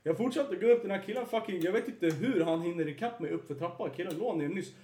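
A young man hosts a casual podcast, rambling through an animated story with plenty of swearing. His voice sits fairly high for a man. The room around him is roomy and echoey. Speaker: podcast host. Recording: roomy echo.

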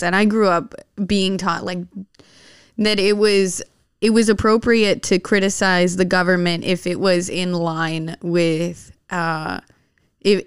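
A woman hosting a podcast interview, speaking in a thoughtful, measured way with soft hedging fillers. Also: fairly low pitch, clean tone, no room sound, studio quality. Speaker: podcast host. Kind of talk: casual interview conversation.

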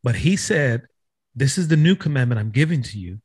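A man's voice: mid-range voice, expressive, a little fast, a little mellow, slightly rough, dry recording. A man hosting a faith podcast, earnestly explaining scripture and asking his guest questions. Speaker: podcast host. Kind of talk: interview with scripture teaching.

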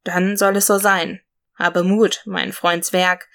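A woman's voice: fairly low pitch, little pitch movement, takes it slowly, a bit bright. A woman voicing a brave, earnest male forest warrior in a storybook reading. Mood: solemn. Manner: earnest, solemn speech.

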